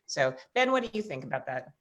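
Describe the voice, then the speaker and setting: A woman's voice: low-pitched, big pitch swings, brisk. A woman hosting a round-table chat, asking curious questions and teasing her guests. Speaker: host.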